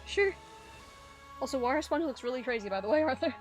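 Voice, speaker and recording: A woman's voice: high-pitched, expressive, quick pace. A woman hosting a gaming stream, chatting casually, laughing often and reading out chat. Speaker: streamer and host. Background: faint game music.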